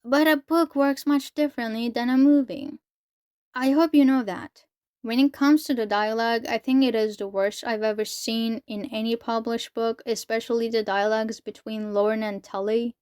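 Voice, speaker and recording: A woman's voice: on the high side, steady tone, normal speed, a little mellow, smooth, dry recording, clean studio sound. A woman giving a casual, sarcastic and exasperated book review.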